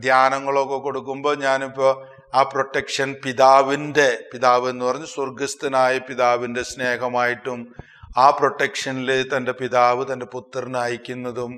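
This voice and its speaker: Male priest, Malayali accent, sermon, sudden rises and drops in loudness, long hall reverb. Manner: expressive, with sudden swings in pitch and loudness; slows down sharply to stress phrases.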